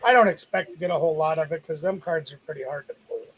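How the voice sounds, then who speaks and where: A man's voice: on the high side, quick pace, slight background noise, poor audio. A middle-aged man co-hosting a live stream, chatting casually with an easygoing, joking manner. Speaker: co-host.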